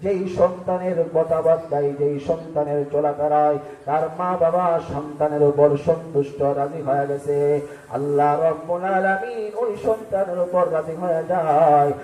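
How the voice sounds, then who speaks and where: A man preaching a waz sermon, swinging into sing-song chanting and loud calls to the crowd. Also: fairly high pitch, fairly even intonation, unhurried. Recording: echoey, distant mic, faint music.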